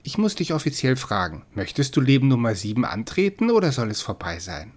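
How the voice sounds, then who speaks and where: A man voicing gentle, unyielding Death as a bird. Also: mid-range voice, big pitch swings, fairly quick. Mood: firm. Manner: soft, kind but unyielding.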